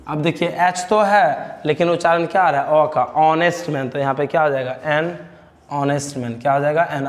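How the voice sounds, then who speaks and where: A man's voice: a little high, in a large hall. A male teacher with a Bihari Hindi accent giving a grammar lesson, asking questions and answering them himself, repeating key words.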